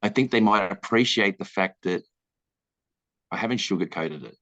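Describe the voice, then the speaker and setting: A man's voice: on the low side, lively intonation, moderate pace, a bit bright, no echo. An Australian man, a film director, answering interview questions in a candid, rambling way and acting out the people in his stories. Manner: candid, rambling storyteller who acts out quoted people. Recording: dull lo-fi dry recording.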